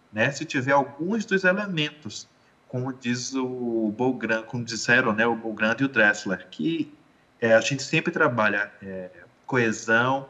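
A man giving a measured, explanatory talk in an educational conversation, often rephrasing himself. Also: mid-range voice, a bit bright, dull audio. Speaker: guest lecturer.

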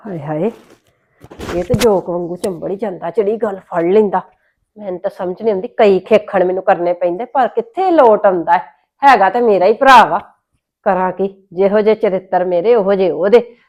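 A woman's voice: mid-range voice, normal speed, a little mellow, highs cut off. A woman with a Punjabi accent playing an exasperated elder sister who scolds and complains. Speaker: elder sister in a family drama. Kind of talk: Punjabi web-series acting.

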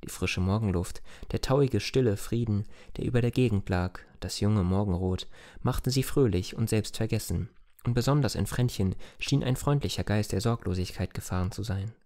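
A man reads a classic tale aloud as an audiobook narrator. His voice is low and mellow, and he tells the story in a calm, measured way. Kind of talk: scripted narration.

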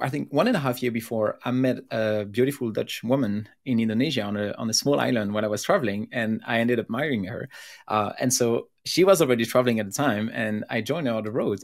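A man in his thirties from Belgium, a podcast guest telling his life story with lively laughs, on a video call with a desk mic. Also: mid-range voice. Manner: animated, laughs often, gestures while talking. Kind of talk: conversational storytelling. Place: home room with plain blue wall.

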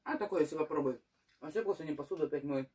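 A woman's voice: low-pitched, rapid-fire, mellow, recorded from a distance, a little hiss or hum. A mother chatting at the family dinner table and giving out chores while talking with her mouth full. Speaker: mother, vlogger. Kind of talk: casual family mukbang chat.

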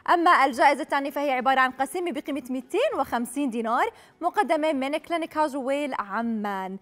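High-pitched, fast-talking Jordanian woman game show host. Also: fairly bright tone. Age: young adult. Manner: upbeat congratulatory announcing. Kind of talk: live phone-in game show presenting. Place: TV studio. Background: background music.

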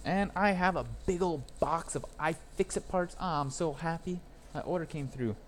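Working on a phone at his bench, a young man talks loosely with his live stream audience, laughing and wandering off topic. His voice sits on the high side at an ordinary pace, and the recording has a little hiss or hum.

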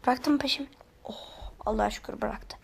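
A woman giving excitable let's-play commentary, often pleading and exclaiming while she plays. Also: on the high side, normal speed, vocal fry, slight background noise. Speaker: gamer.

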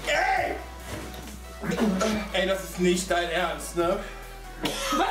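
A man's voice: high-pitched, steady tone, takes it slowly. A young man performing as a drag queen, bantering through a comic challenge in a campy, dramatic, whiny way. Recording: roomy, music behind.

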